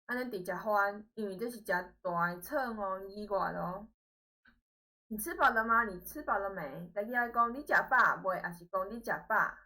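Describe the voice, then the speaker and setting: A woman's voice: mid-range voice, moderate pace, sharp tone, rough recording. A woman with a Taiwanese Hokkien accent teaching a beginner language lesson, enunciating and repeating example words in an instructional way. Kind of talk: beginner language lesson, reciting word pairs.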